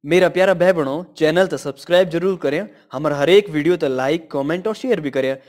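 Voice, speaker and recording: Male voice, slightly high, friendly outro appeal to viewers. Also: brisk, darkish tone. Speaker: channel outro speaker. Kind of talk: casual channel sign-off.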